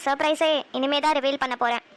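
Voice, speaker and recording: A woman plays an earnest young woman who talks softly and sometimes falters, sincere and affectionate. Her voice sits high and light. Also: steady tone, fast talker, a little hiss or hum. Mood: tender. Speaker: actor in short family drama. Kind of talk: Tamil short-film dialogue acting.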